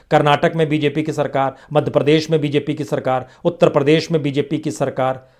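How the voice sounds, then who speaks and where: A man's voice: on the high side, a little mellow. A middle-aged man giving political news commentary, emphatic, listing items in repeated rhythmic phrases.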